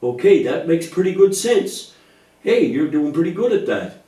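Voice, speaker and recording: A man with a fairly high, mellow, sing-song voice speaks at a moderate pace in a children's church puppet show. Patient and reassuring, he uses simple scripted dialogue to teach children about faith, captured distantly in an echoey room.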